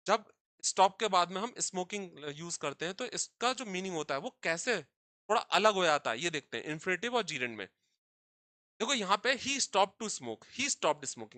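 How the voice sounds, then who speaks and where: A man teaches English grammar in Hindi. He reads each example sentence slowly, word by word, and then translates it. His voice is bright and forward, recorded dry and close with no room sound. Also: high voice, no echo.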